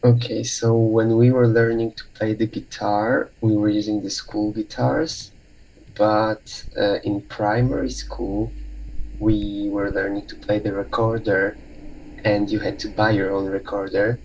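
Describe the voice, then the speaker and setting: A man from Poland, chatting casually on a podcast, pausing often with fillers. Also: fairly low pitch, level tone, darkish tone, highs cut off, slight background noise. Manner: hesitant, many fillers. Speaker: podcast participant. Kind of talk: casual chat.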